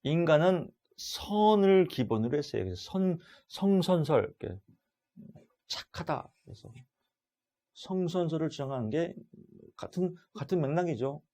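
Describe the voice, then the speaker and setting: A middle-aged man giving an exam-prep lecture, loud and animated, acting out little dialogues as he teaches. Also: on the high side, normal speed.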